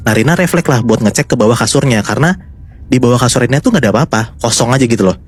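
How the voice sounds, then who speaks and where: A man's voice: medium pitch, expressive, rapid-fire, breathy edge. A man casually telling a horror story to his co-hosts, chatty and building suspense. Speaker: storyteller host.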